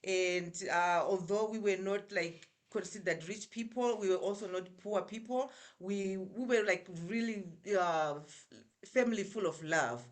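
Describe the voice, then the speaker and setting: A woman's voice: medium pitch, measured pace. A middle-aged woman with a Zimbabwean accent, a guest telling her story in a casual interview over a remote call, full of fillers and restarts. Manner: chatty, with many fillers and restarts.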